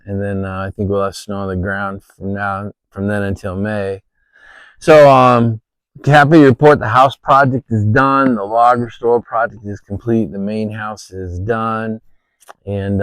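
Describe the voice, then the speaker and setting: Low-pitched man, casual backyard video chat. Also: no room sound, low-quality recording. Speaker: vlogger. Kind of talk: casual talk to camera. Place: outdoors in a backyard.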